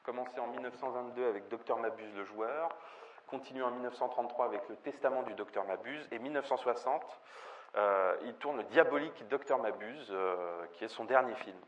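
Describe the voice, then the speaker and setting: A man's voice: medium pitch, fairly quick. A man giving a spoken film lecture, often hesitating with fillers and restarts. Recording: dull lo-fi recording with faint ambient noise.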